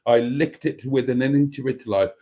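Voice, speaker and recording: His warm, medium-pitched voice moves at a moderate pace as he runs a casual livestream at home in a chilly room. Reading viewer comments with cheeky chattiness, he calls his audience darlings.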